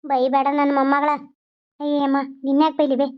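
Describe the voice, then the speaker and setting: A woman voicing an elderly grandmother with a North Karnataka Kannada accent, gently comforting and coaxing. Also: high-pitched, little pitch movement, a little fast, lightly acted. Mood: doting. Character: elderly grandmother, soothing and protective. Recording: dull lo-fi recording.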